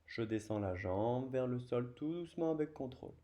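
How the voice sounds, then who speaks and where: A man with a French accent guiding a beginner yoga class, calmly cueing each breath and movement. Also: medium pitch, moderate pace. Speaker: yoga teacher. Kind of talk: guided yoga class instruction.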